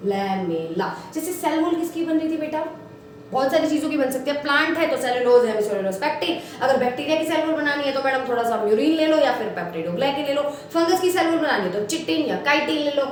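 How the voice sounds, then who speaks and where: A high-voiced woman teaches a biology class in a lively, familiar way, coaxing her students as she talks. Her voice sits back from the microphone. A strong echo fills the room around her. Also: recorded from a distance, a little hiss or hum. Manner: animated, addresses students as beta and bhai. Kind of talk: classroom lesson. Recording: echoey room, voice off-mic.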